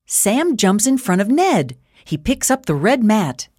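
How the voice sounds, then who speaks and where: A woman reading a simple children's storybook aloud in a slow, clear, expressive way. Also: medium pitch, a little hiss or hum. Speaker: story reader.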